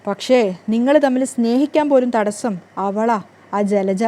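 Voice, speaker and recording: A woman's voice: fairly high pitch, normal speed, warm tone, lightly acted. A woman voicing a scheming, spiteful middle-aged mother who dotes on her daughter, in a plain reading voice. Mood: doting.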